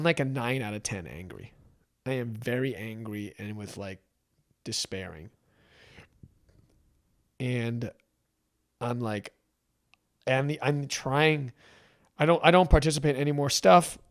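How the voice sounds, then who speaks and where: Gravelly man telling a candid story. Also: medium pitch, a little slow, pauses often. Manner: animated, emotional, many restarts and acted quotes. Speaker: podcast guest.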